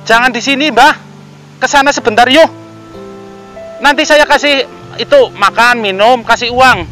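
A middle-aged vlogger with a Javanese accent, who helps homeless people, narrates and chats casually and politely outdoors in a yard and by a riverside near a road bridge. His face mask muffles him slightly. His voice is very high, bright and forceful at a normal speed, with faint music in the background.

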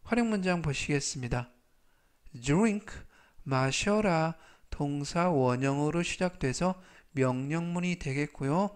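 A man's voice: on the high side, a little slow, smooth. A man speaking Korean with a Korean accent, giving an English vocabulary lesson. He repeats each word three times, then explains it in set phrases. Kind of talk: slow, methodical vocabulary lesson.

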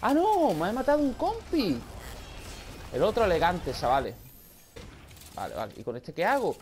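A man with a Spain Spanish accent giving loud, excitable live gameplay commentary, often shouting and swearing. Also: sits high, normal speed, slight background noise. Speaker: gaming video creator.

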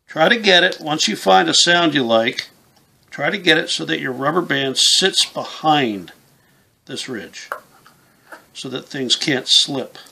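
A man's voice: on the high side, animated, a little slow, creaky, pushed and bright, breathy edge. A man in his fifties giving a casual, plain-spoken hands-on tutorial, explaining things step by step in an informal way. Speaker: instructor, game call maker. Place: small indoor room with camouflage backdrop.

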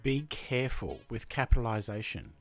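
Aussie-raised guy talking you through a mac tutorial, mid pitch, casual and chatty, soft music behind. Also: moderate pace. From Australia. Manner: chatty, explaining step by step. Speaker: tutorial host. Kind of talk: screen-recording tutorial voice-over.

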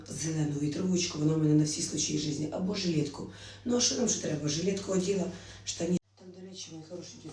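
A woman's voice: low voice, a little mellow, a little hiss or hum, poor audio. A woman chatting affectionately to her viewers in a casual morning vlog while getting dressed at home. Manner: drops to a whisper at times. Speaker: vlogger.

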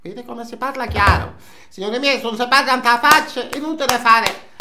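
A man's voice: very high voice, a little fast, noisy background. An older man playing a nosy, indignant Sicilian housewife in a comic monologue, scolding and repeating himself in Sicilian dialect. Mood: resigned, chatty. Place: small indoor room, seated facing camera.

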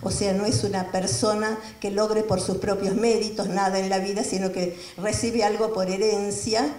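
A woman giving an academic lecture in a measured, explanatory way. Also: mid-range voice, flat delivery, dark tone. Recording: roomy hall from far off.

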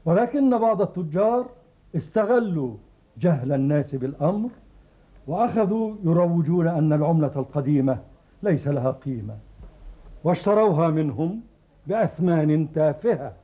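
An actor playing a learned, principled sheikh who speaks in measured, formal tones in a period drama. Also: male voice, fairly high pitch, expressive, narrow, tinny audio. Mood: grave. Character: learned older sheikh, calm, principled historian.

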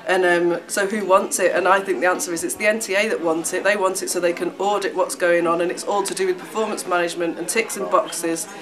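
A woman's voice: lowish voice, fairly even intonation, fast talker, hardly any pauses, crowd noise. A young woman who works in drug services, giving a critical vox pop interview in a studio and asking pointed rhetorical questions. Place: indoor studio with dark backdrop.

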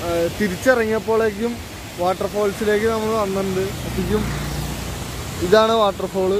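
A man's voice: high voice, fairly even intonation, normal speed. A man in his twenties with a Kerala Malayali accent, chatting casually to vlog viewers and mixing English words into his Malayalam. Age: 20s. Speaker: travel vlogger. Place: outdoors by roadsides, dam and waterfall. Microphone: handheld phone at arm's length. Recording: noisy outdoor roadside, wind and traffic.

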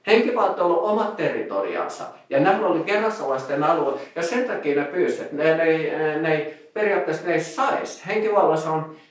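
A man's voice: a little high, animated. A male preacher delivering a sermon in a loose, conversational storytelling manner, often restarting words mid-sentence. His voice rings around a very reverberant room. The mic sits some distance away from him.

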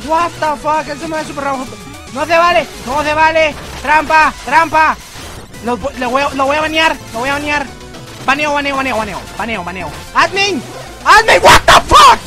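A man's voice: very high voice, normal speed, over music. A young man commentating his gameplay, yelping and exclaiming at every turn. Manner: excitable, yelps and shouts at the game. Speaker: gamer. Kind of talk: let's play commentary.

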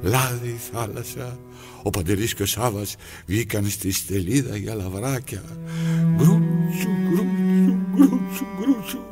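A man's voice: medium pitch, big pitch swings, loud music behind the voice. An actor playing an aging, lonely man who talks to himself and his needle while mending his trousers, coaxing one moment and scolding the next. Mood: rambling. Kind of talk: theatrical monologue.

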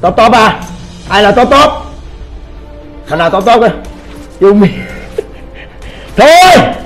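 A man's voice: high-pitched, very animated, slow, fairly bright tone, soft background music, low-quality recording. A man giving casual gameplay commentary, swearing and crying out in pain as he plays. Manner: swears, cries out in pain during play. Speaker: gamer streamer.

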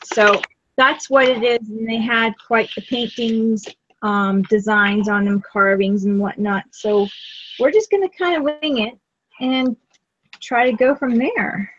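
Brief: easygoing woman, fairly high voice, casual craft-stream chat over a muffled lo-fi line. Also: steady tone, unhurried, fairly bright tone, slight background noise. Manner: chatty, easygoing, talks while working. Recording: lo-fi live-stream audio.

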